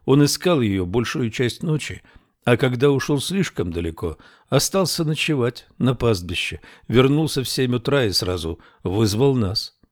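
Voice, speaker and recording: A man voicing a kindly country gendarme in an audiobook, speaking low and soft to calm someone. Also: normal speed, dry recording, studio quality, natural voice. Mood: soothing. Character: gruff but kindly male country gendarme.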